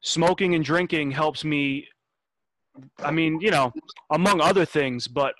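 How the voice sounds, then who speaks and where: A man in his twenties hosts a podcast in a fairly high, bright voice, unhurried and recorded without echo. He's laid-back and casual, swearing and restarting his sentences.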